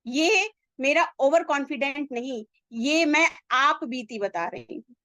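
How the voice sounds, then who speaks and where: A woman giving an animated motivational talk to her team, telling a joke as a story and asking the listeners rhetorical questions. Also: high-pitched, slow pace, dry recording, clean studio sound.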